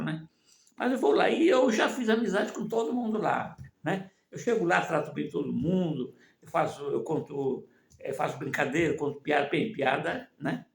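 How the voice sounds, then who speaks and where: Gravelly older man, rambling. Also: fairly high pitch. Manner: rambling, keeps asking "né?" and "não é mesmo?"; folksy, moralizing. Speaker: vlogger. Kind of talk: casual advice monologue. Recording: echoey room.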